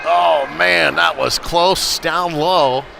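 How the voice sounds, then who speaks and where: A man's voice: a little high, steady tone, drawn-out words, vocal fry, background noise. A man calling a live ice hockey game in an informal, conversational play-by-play style. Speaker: play-by-play sports commentator. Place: sports rink during a live game. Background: loud arena music.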